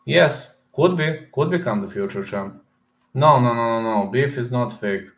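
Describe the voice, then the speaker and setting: A Serbian-accented man hosts a casual livestream, reading chat and talking fight picks directly with viewers. His mid-range voice is animated and a little slow, and he repeats words and uses many fillers.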